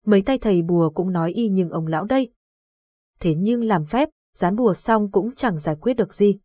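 A woman reading the lines of a grieving old village father in a horror audiobook, with a husky voice. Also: medium pitch, lively intonation, a little fast, mellow, dry recording. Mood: weary. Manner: pleading, distraught.

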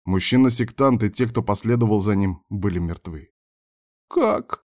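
A man narrating an audiobook with steady storytelling. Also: fairly low pitch, brisk. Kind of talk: scripted narration.

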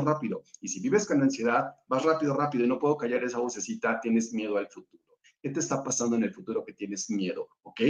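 A man who is a spiritual guest speaker answers audience questions and leads a calm guided visualization, talking in repeated lists with small restarts. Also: medium pitch. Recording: roomy, dull lo-fi sound.

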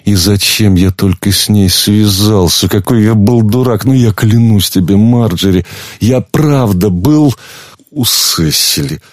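Panicky weak-willed husband, a man doing the voice in an audiobook; higher than his low natural voice, dry close mic. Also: unhurried, no echo, lightly acted. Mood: pleading. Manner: pleading, panicky, stammering. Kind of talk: audiobook reading.

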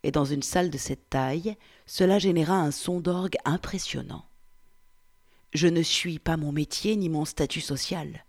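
A woman reading the part of a 47-year-old Frenchman, reciting in a slow, hushed, meditative way. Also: deep voice. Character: 47-year-old French man, pondering who he is. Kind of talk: reading a novel aloud.

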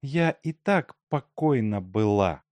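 A man voicing a timid young woman who speaks softly and sadly, with gravelly undertones, in a storybook reading. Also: high voice, very animated, normal speed, no echo, pitched above the performer's own voice. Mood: meek, downcast. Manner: soft, subdued, downcast.

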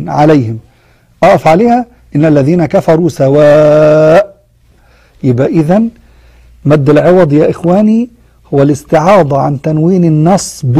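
A man with an Egyptian accent teaching Quran recitation rules, mixing formal Arabic with colloquial asides and chanting the verse examples slowly. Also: a little high, dark tone, husky, dry recording. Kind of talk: tajweed lesson with recited examples.

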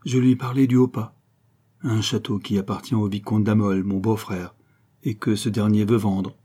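A man's voice: on the low side, fairly even intonation, warm tone, husky. A man playing a cunning, persuasive schemer. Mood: confiding. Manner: measured, coaxing, confiding. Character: cunning young adventurer posing as a count, persuasive. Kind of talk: audiobook character reading.

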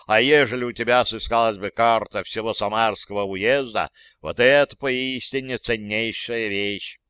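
A young tsarist officer, as an audiobook narrator puts him on, mocking and condescending toward the man he argues with. The voice is smooth and clear, with a mid pitch. The recording is dry and close. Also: moderate pace, bright, forceful tone, no echo, natural voice. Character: young sneering male tsarist army officer.

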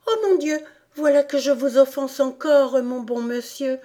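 A woman's voice: a little high, a little slow, darkish tone, voice pushed up, natural voice. A woman reading an audiobook, voicing a polite, eager young girl in a raised, sweet voice. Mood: chatty.

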